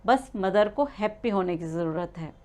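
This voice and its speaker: A woman's voice: medium pitch, lively intonation, normal speed, a little mellow. A woman giving a spoken lesson to expecting mothers, explaining step by step with frequent "uh" fillers and small restarts. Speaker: prenatal learning coach.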